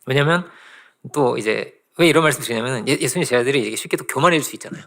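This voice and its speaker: A man preaching a sermon as a pastor in a church, telling stories in a lively way and acting out quotes, with laughs in between. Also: mid-range voice, rapid-fire, vocal fry. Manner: animated storytelling with laughs and acted-out quotes. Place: church sanctuary.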